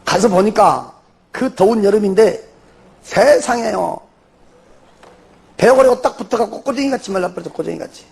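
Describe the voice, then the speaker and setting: An older man with a Jeolla accent, a church elder telling his testimony in an animated way and tossing in rhetorical questions. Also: high-pitched, normal speed, gravelly, long pauses, husky. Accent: Jeolla Korean. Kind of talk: spoken testimony before a congregation.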